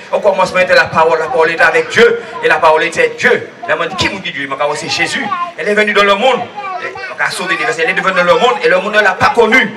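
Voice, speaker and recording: Man, high voice, church testimony, rambling and chuckling, far from the mic with a crowd around. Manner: rambling, lively storytelling with frequent laughs. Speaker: church member giving testimony. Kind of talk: spoken faith testimony. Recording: distant mic with crowd noise.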